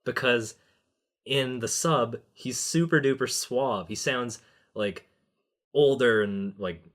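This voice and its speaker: A young man co-hosting a podcast, talking in a loose, animated way, laughing often and swearing casually. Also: medium pitch, slow pace. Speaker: podcast co-host.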